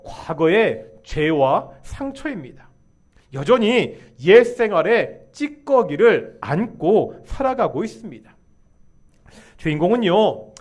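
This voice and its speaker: Korean pastor preaching, high-voiced man. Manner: leads the congregation in call-and-response. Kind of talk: sermon. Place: church sanctuary.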